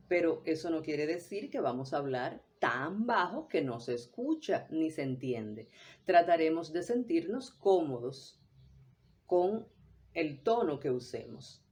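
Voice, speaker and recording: A woman teaching a voice workshop in a measured, deliberate way, now and then acting out short examples. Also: low voice, a little mellow. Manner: measured, deliberate delivery with brief acted examples. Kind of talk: scripted instructional talk.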